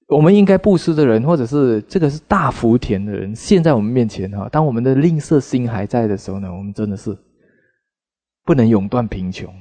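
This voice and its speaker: A man, a Buddhist monk, giving a sermon in an animated storytelling manner with frequent filler particles. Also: medium pitch.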